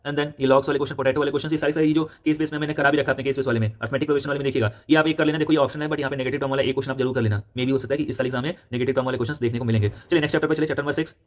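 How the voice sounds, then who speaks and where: Rapid-fire Indian maths tutor, man. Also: medium pitch, steady tone. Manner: brisk, directive, repeats instructions, self-corrects. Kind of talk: fast textbook walkthrough lesson.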